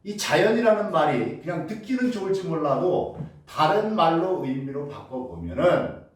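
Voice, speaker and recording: His voice is a bit high and sing-song, moving at a moderate pace, as he delivers a public humanities lecture. Rhetorical questions come up and he answers each himself, peppering everything with filler sounds and restarts. A far-off mic captures him in a very echoey hall.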